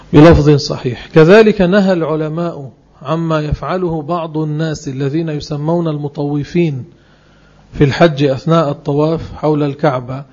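A man giving a religious lesson. He speaks emphatically and slows down to spell out phrases word by word. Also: fairly high pitch, a little mellow, highs cut off. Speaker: religious teacher.

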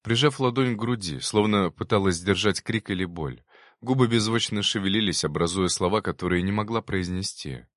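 A man with a low voice narrates a story at a calm, even pace. The recording is dry and close, with no room sound. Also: moderate pace, dry recording. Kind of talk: audiobook reading.

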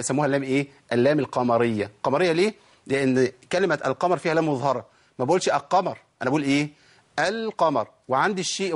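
A man with an Egyptian Arabic accent giving a spoken lesson on Quran recitation rules, asking questions and then answering them himself. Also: fairly high pitch.

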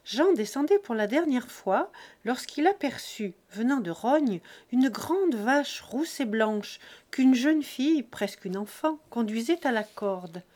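Woman reading a novel aloud, measured. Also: fairly high pitch, animated, a little mellow. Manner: measured phrasing in short breath groups. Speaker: audiobook reader. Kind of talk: expressive audiobook narration.

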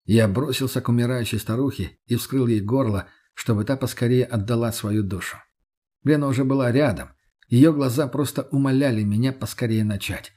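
Male audiobook narrator, husky, mid pitch, measured and steady.

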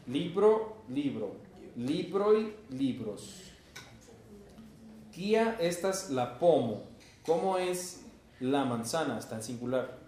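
A man with a Mexican Spanish accent leads a language class at an unhurried pace. He quizzes his students and translates each phrase for them. The recording is full of classroom echo. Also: mid-range voice, a little mellow, slight background noise. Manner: slow, patient, asks the class questions. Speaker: Esperanto teacher. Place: university classroom.

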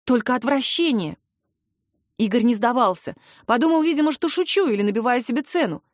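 Expressive woman narrating an audiobook. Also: a little high, fast, dry recording, clean studio sound. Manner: lively, expressive storytelling. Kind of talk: first-person novel narration.

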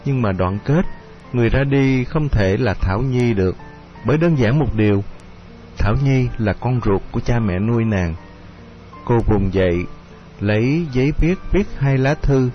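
A man narrating an audio story in a slow, measured, melancholy reading. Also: on the low side. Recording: dull lo-fi audio with music.

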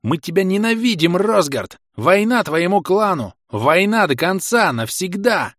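A man voicing a furious enemy male player who yells insults in a raised, strained audiobook voice. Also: high voice, big pitch swings, a little slow, no echo, clean studio sound, pitched above the performer's own voice, exaggerated voice. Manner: yelling insults.

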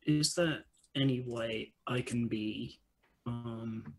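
A man playing a tabletop role-playing game, thinking aloud with pauses as he plans. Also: mid-range voice, rough recording. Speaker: player. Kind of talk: casual game table chat.

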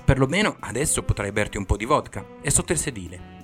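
A man voicing a calm, clever masked crime-fighter in a matter-of-fact way. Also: medium pitch, fast talker, soft background music, natural voice. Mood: composed.

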